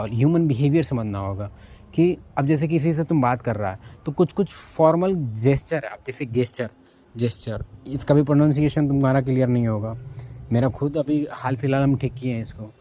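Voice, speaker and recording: A man's voice: mid-range voice, brisk, dark tone. A man giving blunt, rambling casual advice from a rooftop outdoors, often losing track of his topic. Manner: rambling, loses track and asks himself what the topic was; blunt, addresses listener with informal tu. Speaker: self-help vlogger.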